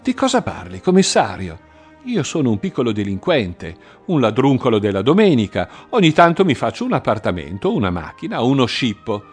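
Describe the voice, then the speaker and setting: A man's voice: medium pitch, wildly swooping pitch, a little fast, husky, faint music behind, voice pushed up. A man doing a sly small-time burglar. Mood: sly, dismissive. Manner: sly, dismissive and mocking. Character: cocky male small-time burglar in his forties.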